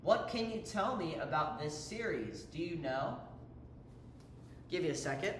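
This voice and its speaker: A man walks through a calculus problem in a loose, talkative lesson, his pitch bouncing up and down as he goes. He trips over himself and adds jokey asides. The recording sounds roomy, with a faint hum of background noise. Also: animated, unhurried, fairly bright tone. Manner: chatty, self-interrupting, playful asides. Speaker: math tutor. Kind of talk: casual whiteboard lesson.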